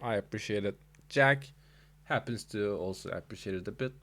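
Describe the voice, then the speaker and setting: Laid-back low-voiced man streaming. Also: normal speed, fairly bright tone. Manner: laid-back, laughs often. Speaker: stream host. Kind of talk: casual livestream chat.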